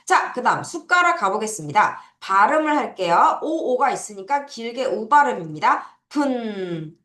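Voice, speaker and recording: A woman teaches a children's vocabulary lesson with a bright, clear tone, leading slow repeat-after-me drills. Her pitch moves around a lot, and she sits slightly high for a woman. The sound carries a noticeable room echo. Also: very animated. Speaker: English teacher. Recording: echoey room.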